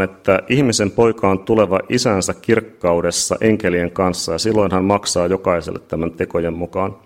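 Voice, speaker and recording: Deep-voiced preacher, emphatic. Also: male voice. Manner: emphatic, rising to shouts at climaxes. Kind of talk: sermon.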